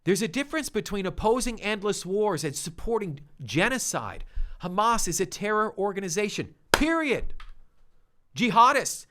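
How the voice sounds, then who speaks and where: A man's voice: high voice, lively intonation, moderate pace, a bit bright, slight background noise. A man hosting his own opinion show, delivering emphatic, indignant commentary with punchy repetition. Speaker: show host.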